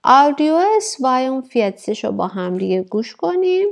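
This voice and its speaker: A woman teaching German to Persian speakers. She says the German words slowly and carefully, then explains them quickly. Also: high voice, sing-song, creaky.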